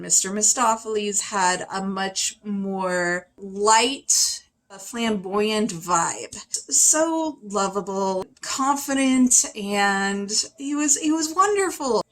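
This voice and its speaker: A woman reviewing a film in a casual, opinionated way, chatty and animated, with sudden high exclamations. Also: rough recording. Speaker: video reviewer.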